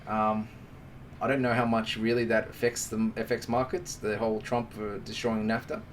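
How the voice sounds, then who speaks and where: A man's voice: fairly low pitch, flat delivery, normal speed, far from the mic, slight background noise. A man hosting a trading live stream, giving casual, joking market commentary and calling viewers "mate". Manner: chatty and joking, talks to the viewers as mates.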